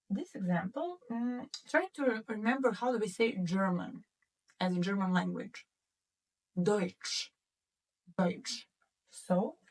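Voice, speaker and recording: Slow-speaking woman teaching German sounds. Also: medium pitch, slightly rough. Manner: asks the class questions, repeats words twice. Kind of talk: slow classroom lesson explaining pronunciation. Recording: voice from some distance off the mic.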